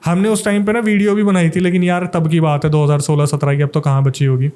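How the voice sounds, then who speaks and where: A man's voice: a little high, flat delivery, quick pace, darkish tone. A young man from Delhi, a paranormal investigator, telling a suspenseful ghost story in a casual podcast interview.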